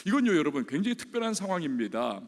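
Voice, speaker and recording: A man's voice: a little high, racing, in a large hall. A male pastor preaching a sermon in a church, telling stories animatedly and acting out the people in them. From South Korea. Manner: animated storytelling, acting out voices of people in the story. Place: church sanctuary.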